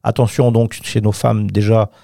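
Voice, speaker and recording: A man explaining health matters on the radio with plenty of emphasis. His voice is gravelly and mellow, and the studio sound is close and dry. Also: on the low side, level tone, moderate pace, dry recording. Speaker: doctor guest.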